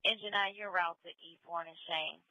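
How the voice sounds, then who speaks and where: A woman's voice: lowish voice, steady tone, fast talker, heavy background noise. A woman working as a fire dispatcher on urgent firefighter radio, repeating back reports in clipped, procedural phrases. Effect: two-way radio. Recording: dull lo-fi radio audio.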